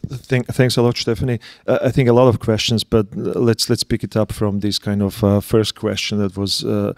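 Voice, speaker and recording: A man answering as a panelist, measured and hesitant with fillers. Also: lowish voice, flat delivery, creaky, darkish tone, dry recording, studio quality. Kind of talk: panel discussion.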